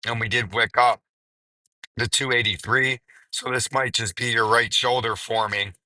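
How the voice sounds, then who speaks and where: Hoarse man with sharp, raspy strain. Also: mid-range voice, steady tone, normal speed, slight background noise, poor audio. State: hoarse, voice nearly gone. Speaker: crypto video host. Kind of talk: market chart commentary.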